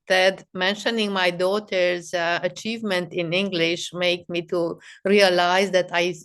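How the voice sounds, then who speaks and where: A woman from Romania talks slowly and thoughtfully on a video call. Her voice is smooth and clear and sits fairly low, and she often pauses to search for the right English words. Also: fairly bright tone. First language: Romanian and Hungarian. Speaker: guest psychologist. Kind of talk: live interview over video call.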